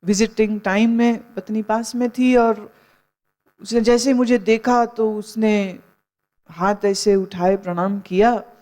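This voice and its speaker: A woman's voice: mid-range voice, steady tone, slow, warm tone. A woman spiritual teacher giving a sermon, telling stories in a conversational way and mixing in English phrases. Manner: storytelling, mixes in English phrases.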